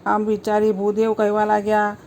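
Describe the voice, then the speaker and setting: A woman storyteller narrating a devotional folk tale in a steady, reverent manner. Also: medium pitch, normal speed, a little hiss or hum.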